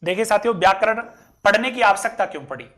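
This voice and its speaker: A man teaching a grammar lesson, reciting a verse slowly and then explaining it word by word. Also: high voice, animated, pushed and bright.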